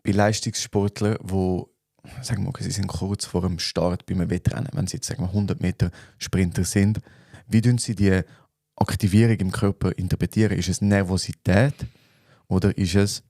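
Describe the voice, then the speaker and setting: Mellow Swiss German man, unhurried chat. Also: low-pitched, gravelly, no room sound, studio quality. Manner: relaxed, thinks aloud with fillers. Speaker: podcast co-host. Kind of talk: casual chat.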